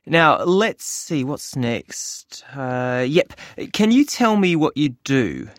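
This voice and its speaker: An actor playing a helpful receptionist who fills in a form, talking in a relaxed, chatty way in a scripted listening dialogue. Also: mid-range voice, takes it slowly, dry recording, clean studio sound. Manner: relaxed, chatty, with fillers and small laughs. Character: helpful club staffer taking details. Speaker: club receptionist. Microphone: close studio mic.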